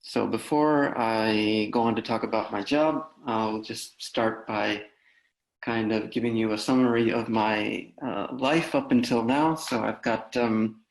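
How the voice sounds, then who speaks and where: A Polish data analyst in his thirties, whose first language is Polish, gives a career talk as a guest speaker on a video call. He is relaxed and loose, full of fillers and restarts, speaking a little slowly in a lowish voice. The recording is rough.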